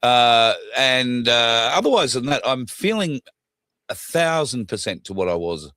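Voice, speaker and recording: A man's voice: mid-range voice, big pitch swings, measured pace, sharp tone, no room sound. A wheezy man with a chesty cough, chatting casually and ramblingly as host of a livestream. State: chesty cough, getting over flu. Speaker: show host.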